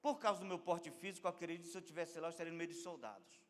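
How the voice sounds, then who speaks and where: A man, a bishop preaching a sermon, swinging from quiet storytelling to emphatic near-shouting. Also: on the high side, very fast. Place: large church hall. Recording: long reverb of a large hall.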